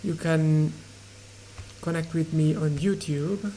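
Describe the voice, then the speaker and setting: A woman teaching English grammar and pronunciation online, explaining slowly with pauses and fillers. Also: low-pitched, steady tone, mellow, a little hiss or hum.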